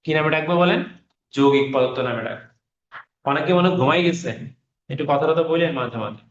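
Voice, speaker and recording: A man teaches an online class in a slightly high voice, repeating key terms and pausing to quiz his students. The sound is roomy and dull, with a faint hiss behind it.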